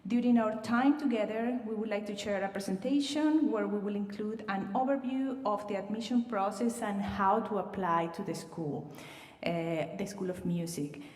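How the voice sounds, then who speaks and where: Speaking at a normal speed in a medium-pitched voice, a Venezuelan woman who directs admissions presents to students over a livestream. The hall echoes and she is distant from the microphone; her tone is warm and welcoming, her phrasing a little non-native, with fillers.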